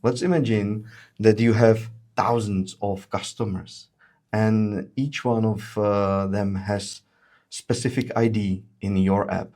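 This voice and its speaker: Working methodically through product features in a webinar, a male solution engineer speaks in a warm, lowish voice with fairly even intonation. He explains things at a measured pace and leans heavily on "uh" fillers.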